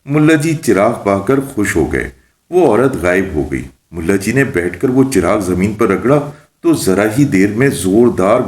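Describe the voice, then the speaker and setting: Lively, low-voiced male storyteller. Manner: expressive, lilting storytelling. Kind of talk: scripted narration of a children's tale. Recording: roomy echo.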